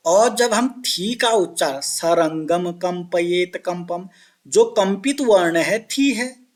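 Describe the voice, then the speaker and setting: Slow, high-voiced Sanskrit teacher. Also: male voice, expressive. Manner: repeats and chants Sanskrit words slowly, asks pupils questions; addresses listeners as children. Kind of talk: classroom explanation of Sanskrit phonetics.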